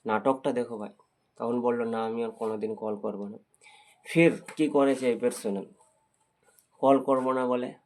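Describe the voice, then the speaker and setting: A young man with a gravelly, creaky voice recounts a personal story straight to his viewers. He talks in a heartfelt, repetitive way, circling back over the same points. His pitch sits in an ordinary middle range. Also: darkish tone. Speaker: vlogger.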